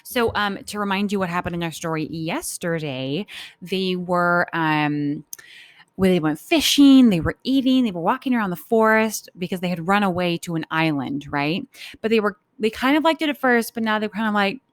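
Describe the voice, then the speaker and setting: Reading to children, a woman teacher pauses to explain the story in a casual way and acts out what characters are thinking. She speaks at a moderate pace in an expressive, fairly low voice, and the recording has no room sound.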